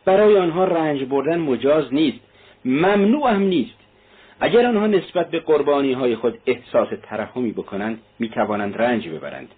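A man's voice: mid-range voice, breathy edge, natural voice. A man reading the part of a defiant young male student who argues in cutting lines. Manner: argumentative, cutting. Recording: tinny narrow-band audio.

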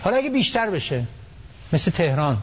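A man guest on a radio talk show, explaining his ideas in an animated way, often acting out what people say. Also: sits high, muffled recording, a little hiss or hum. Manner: animated storytelling, acts out quotes. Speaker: psychology expert guest.

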